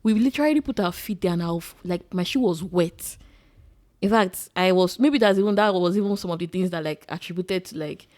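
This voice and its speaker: Fast-talking Nigerian woman telling stories. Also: lowish voice. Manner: rambling, animated storytelling with many "like"s. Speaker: podcast co-host. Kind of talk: casual chat.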